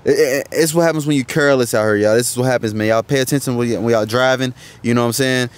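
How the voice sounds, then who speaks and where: A young man talking fast and straight to his viewers in a casual vlog, outdoors by a car. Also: mid-range voice, fairly even intonation, clean tone. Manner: fast, talks straight to viewers, calls them y'all. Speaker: vlogger.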